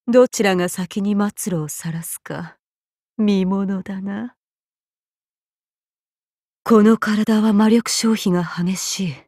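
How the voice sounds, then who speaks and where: Slow, haughty gorgon woman played by an actress. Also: mid-range voice, darkish tone, dry recording, studio quality, natural voice. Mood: cold, haughty. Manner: imperious, cold, contemptuous, deliberate archaic phrasing. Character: haughty, vengeful female gorgon monster, menacing and disdainful. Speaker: voice actor. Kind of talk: scripted anime game character lines.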